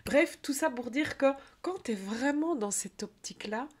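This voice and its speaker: Chatty Belgian woman, breathy voice. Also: sits high, lively intonation, a little slow. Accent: Belgian French. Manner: chatty, rambling, with many fillers. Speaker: coach. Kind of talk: casual video diary.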